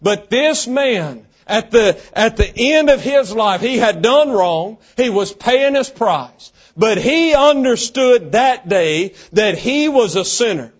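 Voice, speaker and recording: A man's voice: sits high, animated, slow pace, few pauses. A man preaching a sermon, with an emphatic, repetitive cadence. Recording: dull lo-fi recording.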